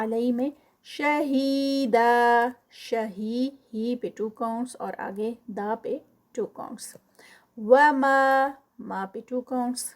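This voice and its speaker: A woman teaching a tajweed lesson. She recites verses slowly and drawn out, then explains the rules quickly. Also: fairly high pitch, dark tone.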